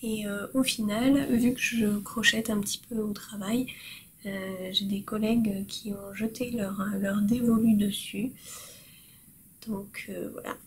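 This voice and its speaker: Hosting a crafting podcast, a woman cheerfully shows off her work in a casual show-and-tell chat, poking fun at herself and hesitating often with fillers. Her voice sits at medium pitch with a steady tone and measured pace. The low-quality recording carries a little hiss or hum.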